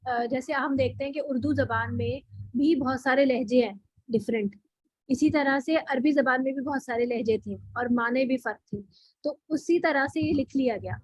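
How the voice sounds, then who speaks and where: A woman's voice: high voice, dry recording, highs cut off. A woman teaching a recitation class, explaining patiently, often repeating and correcting herself. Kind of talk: online class lesson.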